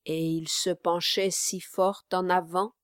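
A woman narrating a classic novel in a measured, deliberate reading. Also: lowish voice, flat delivery, no room sound, clean studio sound. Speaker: audiobook reader. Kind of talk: scripted literary narration.

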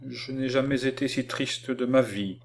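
A man voicing a spirited, stubborn little girl in an audiobook, raising his voice high and defiant. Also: animated, a little slow, a little hiss or hum. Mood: earnest childlike.

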